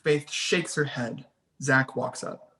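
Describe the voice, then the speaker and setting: For a screenplay table read, someone reads the scene headings and stage directions as scripted narration. The voice is medium-pitched, slow and fairly bright.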